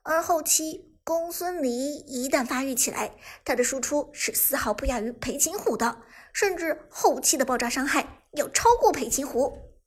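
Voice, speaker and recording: A woman voicing a calm esports commentator explaining the match in a steady way. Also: high-pitched, normal speed. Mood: analytical.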